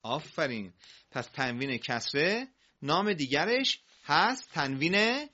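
Male reading teacher, bright and lively, brisk explanations with slow drawn-out examples, dull recording. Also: a little high. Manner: explains briskly, drawls example words slowly for repetition. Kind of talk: recitation lesson. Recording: muffled lo-fi audio.

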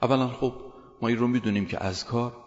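A man preaching a sermon, telling stories earnestly and building emphasis with rising, louder phrases. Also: mid-range voice, fairly even intonation. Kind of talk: sermon with storytelling. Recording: long hall reverb, dull lo-fi sound.

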